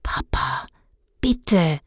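A woman's voice: mid-range voice, expressive, unhurried, husky, no echo, clean studio sound. A woman voicing a young boy who begs and pleads with his father. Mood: pleading. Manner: begging, pleading.

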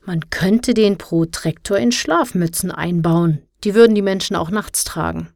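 A woman's voice: on the low side, a little slow, creaky, darkish tone, no echo, clean studio sound. A woman voicing a smug, eager male teacher. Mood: amused.

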